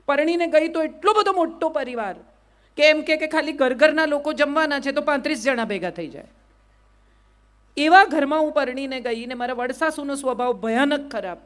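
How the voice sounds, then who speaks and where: A middle-aged woman with a Gujarati accent giving a lively motivational speech, often putting questions straight to her audience. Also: high voice, moderate pace. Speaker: public speaker.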